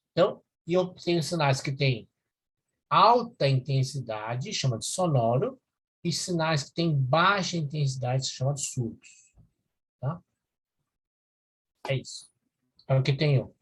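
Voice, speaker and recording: A man's voice: fairly high pitch, slightly rough. A man, giving a university lecture and explaining step by step while checking in with his students. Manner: explanatory, checks in with listeners often. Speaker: university professor.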